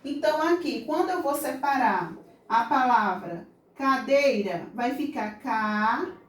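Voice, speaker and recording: A woman teaching a grammar lesson to children with a Brazilian Portuguese accent, explaining slowly and patiently. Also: sits high, animated. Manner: slow, patient explaining, voices children's questions. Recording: echoey room, mic far off.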